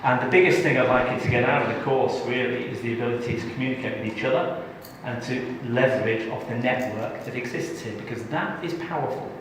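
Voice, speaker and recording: Jokey presenter in an echoey hall. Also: male voice, medium pitch, a little fast, few pauses, far from the mic, noisy background. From England. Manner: jokey, chatty, engages the audience. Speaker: tax trainer. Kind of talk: live training presentation. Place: large training room.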